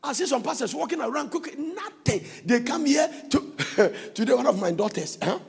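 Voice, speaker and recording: Male preacher, high and lively, gravelly, delivering a shouted, singsong sermon in a long-reverb church. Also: moderate pace.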